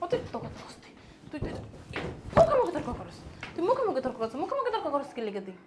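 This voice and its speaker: A woman's voice: lively intonation, racing, heavy background noise. A woman playing a spiteful sister-in-law who berates and mocks her husband's younger brother. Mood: berating. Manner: shrill, berating, mocking. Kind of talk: amateur family drama acting.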